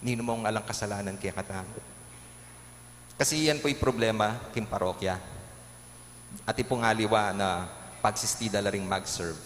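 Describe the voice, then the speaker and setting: Pari na nangangaral sa maalingawngaw na simbahan. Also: male voice, on the low side, moderate pace, long pauses. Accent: Kapampangan. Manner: preaching with lively shifts, acting out jokes and quotes. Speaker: priest. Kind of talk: homily in a live-streamed Mass. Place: large church. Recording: echoey church with long reverb, faint hum.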